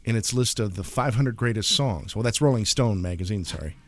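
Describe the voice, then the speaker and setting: A man's voice: lowish voice, brisk, dry recording. A man hosting a radio music show, chatting casually and easygoing with a co-host, with some hesitant fillers.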